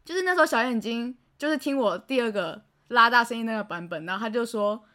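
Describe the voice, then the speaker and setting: A woman co-hosting a podcast in casual chat with a Taiwanese Mandarin accent, telling stories in a giggly, animated way. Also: a little high, fast talker. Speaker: podcast co-host.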